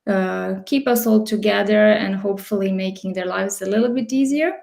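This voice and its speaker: A woman from Croatia working as a conference event manager, explaining her job in a measured, orderly way on a video call. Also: mid-range voice, creaky, a little mellow. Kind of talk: casual video-call chat.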